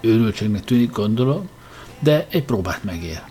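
A man's voice: lowish voice, sing-song, dark tone, a little hiss or hum. A man voicing a determined, resourceful adult man who leads the group, speaking in a curt, commanding way. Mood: urgent.

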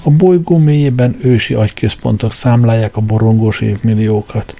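A man voicing a melancholy, politely spoken old man who talks calmly. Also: mid-range voice, vocal fry, lightly acted. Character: sad, courteous, unhurried old man.

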